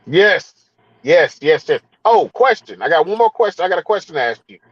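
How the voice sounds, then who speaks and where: A man's voice: a little high, very animated, fairly quick, slightly rough, dry recording, muffled recording. A man hosting a casual car chat, laid-back and drawn out, repeating his phrases. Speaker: host.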